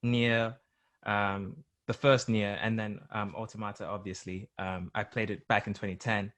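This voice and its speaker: Rambling young man, slightly low voice. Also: flat delivery, normal speed, fairly bright tone. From born in England, grew up in South Africa. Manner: rambling, many fillers and restarts. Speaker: musician guest. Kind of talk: casual interview chat.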